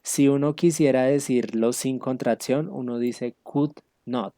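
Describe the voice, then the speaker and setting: A man's voice: mid-range voice, fairly even intonation, measured pace, dark tone, no room sound, clean studio sound. A man teaching an English class online, explaining patiently with many fillers.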